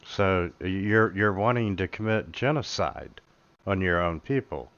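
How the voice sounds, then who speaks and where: Man voicing a shrewd merchant, stammering and hesitant, smooth clear voice, dull lo-fi sound. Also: deep voice, lively intonation, fairly bright tone, full character voice. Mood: puzzled, incredulous. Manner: halting, full of stammers and filler sounds. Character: gruff male merchant, shrewd, rule-minded shopkeeper. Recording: dull lo-fi recording.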